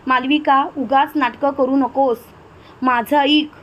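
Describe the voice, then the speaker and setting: Domineering, scolding older woman, put on by a woman narrator; commanding, high-pitched. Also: steady tone, slow, fairly bright tone.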